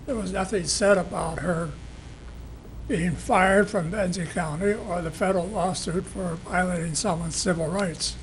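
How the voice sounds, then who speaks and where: Older male citizen speaker, strained raspy whisper, unusually high, halting delivery, faint room noise. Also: steady tone. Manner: halting, broken phrasing. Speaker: citizen giving public comment. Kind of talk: public comment speech. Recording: noisy public meeting room recording.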